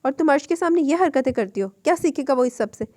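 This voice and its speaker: A woman's voice: fairly high pitch, a little fast, a little mellow, no echo, clean studio sound, lightly acted. A woman voicing a firm, protective young mother. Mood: scolding.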